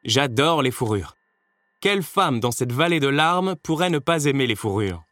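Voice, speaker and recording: A man's voice: mid-range voice, expressive, normal speed, a bit bright, dry recording, lightly acted. A man voicing a glamorous, wicked woman who adores furs, in a gushing, theatrical storybook voice.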